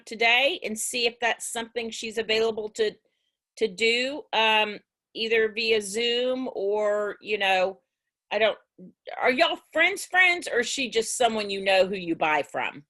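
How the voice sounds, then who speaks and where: A woman's voice: a little high, a little slow, bright, forceful tone. Chatty woman teacher on a video call. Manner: rambling, chatty, many restarts. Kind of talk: casual class talk over a video call. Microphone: video call mic.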